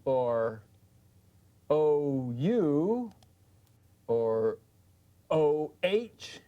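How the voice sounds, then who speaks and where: Man teaching, slow careful drills. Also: a little high, very animated, dark tone, dull audio. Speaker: language teacher. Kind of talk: scripted lesson narration.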